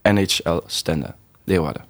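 A young man from the Netherlands, a first-year student guest, speaking haltingly with fillers and restarts. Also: low voice.

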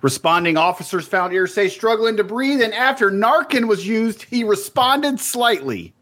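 A man with a noticeably high voice co-hosts a casual chat podcast. He reads out a news item in a relaxed, conversational way. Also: moderate pace. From Alabama. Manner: reads news items aloud, eating dinner during the show. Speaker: podcast co-host.

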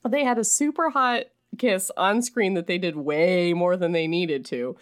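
A woman's voice: on the low side, measured pace. A woman co-hosting a casual book discussion, laughing often and acting out the characters' lines. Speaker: podcast co-host.

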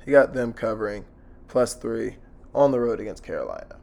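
A hoarse man hosting a casual sports betting podcast by himself, talking in a blunt, slangy, sweary way. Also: mid-range voice, lively intonation, brisk, warm tone.

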